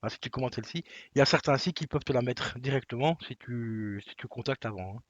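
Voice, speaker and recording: A man's voice: mid-range voice, fast talker, no echo, muffled recording. A man comparing collectible figure prices online in a casual, rambling way, with many fillers and restarts. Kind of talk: casual screen-recorded walkthrough.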